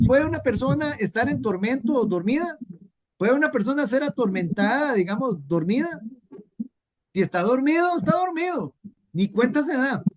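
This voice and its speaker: A woman teaching a Bible class in an earnest way, repeating key points and asking rhetorical questions. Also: sits high.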